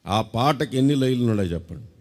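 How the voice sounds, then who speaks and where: A man's voice: medium pitch, fast talker, long reverb tail. A man with a Telugu accent preaching a sermon, teasing and quizzing his congregation and leading them in call-and-response. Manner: lively, teasing, quizzes the crowd and breaks into song. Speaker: pastor.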